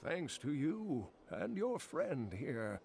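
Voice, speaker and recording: An actor playing an old male sage and scholarly storyteller in a video game, speaking in a gravelly, measured way. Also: fairly high pitch, big pitch swings, darkish tone, faint music behind, exaggerated voice. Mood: solemn. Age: older.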